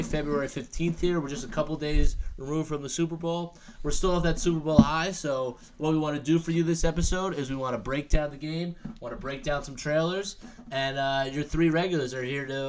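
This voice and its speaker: Excitable young male podcast host. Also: fairly high pitch, brisk, a little hiss or hum. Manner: animated, swears freely about sports. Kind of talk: casual chat.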